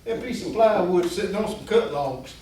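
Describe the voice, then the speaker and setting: A man with a drawl spins a rambling, folksy yarn in a fairly high voice. He is picked up from well away from the mic, in a very echoey space with faint hiss underneath. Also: expressive, normal speed, warm tone, recorded from a distance. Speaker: guest storyteller. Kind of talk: casual storytelling.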